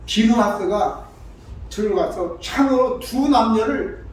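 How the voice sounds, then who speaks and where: Man, pastor, sermon, very high voice, distant mic, echoey church hall. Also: slow pace. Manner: acts out quoted voices with sudden shouts. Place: church sanctuary.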